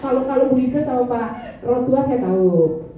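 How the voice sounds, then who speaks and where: A woman's voice: a little high, animated, fairly quick. Chatty woman preaching in an echoey hall. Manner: chatty, playful, teasing the congregation. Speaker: pastor. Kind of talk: sermon. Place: large church hall. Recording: echoey hall, distant mic, dull sound with music. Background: music.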